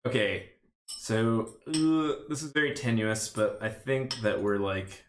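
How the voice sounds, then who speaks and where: A man's voice: medium pitch, lively intonation, slow, reverberant, slight background noise. A man streaming a card game, thinking aloud in casual play-by-play commentary with rambling, self-mocking asides. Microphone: desk stream mic.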